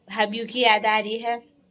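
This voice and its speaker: A young woman from the Uttarakhand hills talks to her followers in a relaxed, unhurried way. Her voice sits a little high, and she laughs easily as she tells her stories. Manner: chatty, laughs often, sings folk songs slowly. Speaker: vlogger. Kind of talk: casual storytelling.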